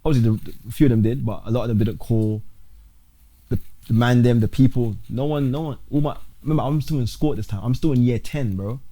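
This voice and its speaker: A young man, a podcast guest talking casually and haltingly, restarting his sentences often. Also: medium pitch, mellow. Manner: halting, restarts often, calls the host bro. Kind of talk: casual interview talk.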